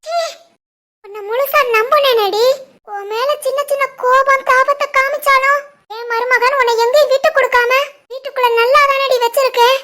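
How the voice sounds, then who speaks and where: A woman voicing a furious middle-aged village mother-in-law in an animated family drama, with a Tirunelveli Tamil accent and a shrill, scolding delivery. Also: normal speed.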